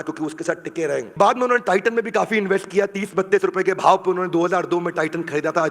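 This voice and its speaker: Man, motivational stage speaker, high voice, echoing hall reverb, emphatic and repetitive. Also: fairly bright tone. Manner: emphatic, repetitive, leads audience chants. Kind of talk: motivational seminar speech. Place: large hall with live audience.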